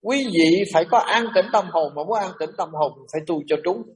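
A man preaching as a Buddhist monk, emphatic and animated, dropping in English and French terms. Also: high-pitched, fairly quick, recorded from a distance. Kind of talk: sermon to a congregation.

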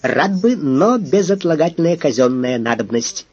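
A man's voice: on the high side, animated, normal speed, darkish tone, breathy edge, no room sound, dull audio. A man voicing a modest army staff captain who speaks politely and deferentially, in an audiobook.

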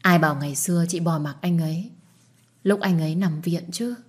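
A woman's voice: lowish voice, darkish tone, husky. A woman voicing a nosy, blunt young woman who pesters and scolds in an audiobook. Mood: indignant. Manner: pushy, quick to scold. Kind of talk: audiobook dialogue.

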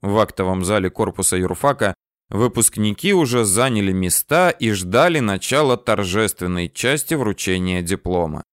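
A man reading a first-person novel aloud as an audiobook narrator, steady and even. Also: fairly low pitch, normal speed, clean tone, no room sound, clean studio sound.

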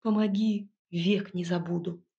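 A woman's voice: medium pitch, fairly even intonation, unhurried, gravelly, warm tone, highs cut off. A woman voicing a burly, clumsy young male hero who pleads in a flustered way. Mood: pleading.

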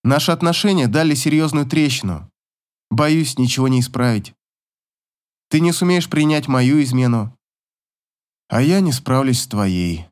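A man's voice: medium pitch, expressive, normal speed, long pauses, lightly acted. A man reading the part of a tired, resolute wife who speaks firmly and holds herself back. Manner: tired, firm and restrained. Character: weary, resolute young wife asking for divorce.

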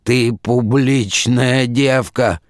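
A man's voice: medium pitch, slow pace, darkish tone, clear, resonant tone, no echo, clean studio sound, voice pushed up, close to an everyday voice. A man voicing a self-pitying middle-aged husband in an audiobook, nasal and drawling, declaiming melodramatically. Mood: wailing. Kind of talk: audiobook reading.

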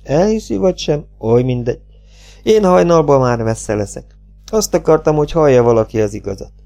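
Man doing a cool, calm young outlaw. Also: fairly high pitch, creaky, faint music behind. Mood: calm, flat. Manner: calm and unbothered.

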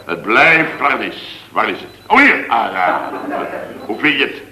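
An actor playing a fussy, easily flustered company boss who stammers through a 1960s radio comedy. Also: male voice, mid-range voice, very animated, measured pace, a crowd in the background. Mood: relieved. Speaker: boss of a contractor's firm. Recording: roomy old radio recording.

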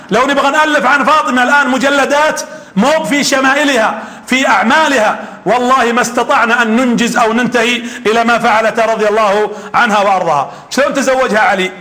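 A man's voice: extremely high pitch, bright, forceful tone. A man preaching a sermon, telling stories with animation and quizzing his audience.

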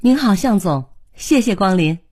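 A woman's voice: medium pitch, very animated, normal speed, a little mellow, breathy edge. A woman reading the part of a composed young female event organizer in her twenties, courteous and professional. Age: 20s. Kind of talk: audiobook character reading.

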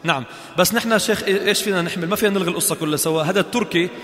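A man teaching a creed class in a mosque, animated, quoting scripture and bantering with his students. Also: sits high, very fast. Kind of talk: mosque study-circle lesson. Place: mosque hall. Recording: echoey hall reverb.

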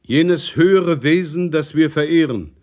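An actor in a German radio play, playing a big, self-important professor who talks in an emphatic, imperious way. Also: male voice, a little high, measured pace, darkish tone, natural voice. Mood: solemn, declaiming.

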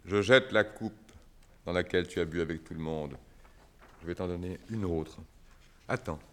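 An actor playing a sad, tender male circus clown who speaks softly and deliberately. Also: deep voice. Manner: soft, slow and deliberate, rising to bitter outbursts. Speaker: Celui. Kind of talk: 1960s French radio drama acting.

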